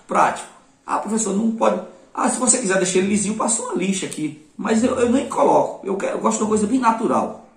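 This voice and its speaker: In this casual craft tutorial, a man with a Brazilian Portuguese accent walks viewers through each step, chatting with them and complimenting his own handiwork. His voice sits a little high and sounds gravelly, picked up roomily by a far-off microphone.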